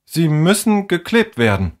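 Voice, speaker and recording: A man's voice: fairly high pitch, very animated, unhurried, pitched above the performer's own voice. A man voicing a stubborn, thoughtful young boy who speaks matter-of-factly.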